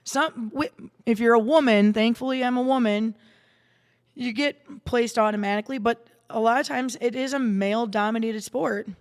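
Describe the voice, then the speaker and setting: A woman's voice: on the high side, fairly even intonation, moderate pace, in a large hall. A woman guest in a podcast studio telling stories in casual chat, rambling with many restarts and fillers. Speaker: guest, salon owner and darts player.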